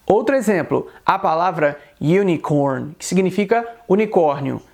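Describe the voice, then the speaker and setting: A man with a Brazilian Portuguese accent giving a video lesson on English, patient and repetitive, saying English example words slowly and carefully. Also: sits high, animated, gravelly, darkish tone. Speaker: English teacher.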